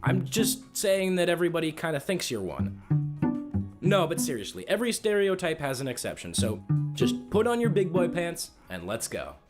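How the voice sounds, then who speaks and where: Male narrator for comedic explainer, expressive higher register, conversational script, guitar music loud underneath. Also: moderate pace. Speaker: video narrator.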